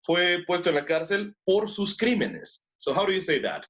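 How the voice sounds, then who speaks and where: A man's voice: high-pitched, very animated, a little slow, fairly bright tone. A man teaching an English class in two languages, who repeats words and keeps praising his students. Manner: switches between two languages to explain.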